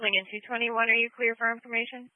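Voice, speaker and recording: A woman working as a police dispatcher, speaking in brisk, clipped radio codes, heard over a phone-like radio channel. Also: a little high, little pitch movement. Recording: narrow phone-like radio audio, dry.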